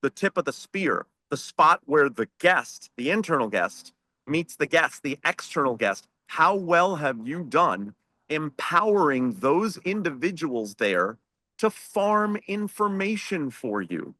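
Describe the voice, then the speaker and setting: A man's voice: fairly high pitch, big pitch swings, a little slow, bright, forceful tone, no echo. A man speaking on a video-call webinar panel as a franchise owner, emphatic and preachy, firing off rhetorical questions.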